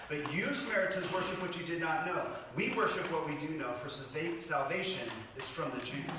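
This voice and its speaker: A man preaching a sermon as a pastor, telling the story in a conversational, animated way with frequent asides to the congregation. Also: fairly high pitch, background noise. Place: church sanctuary. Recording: very echoey hall, mic at a distance.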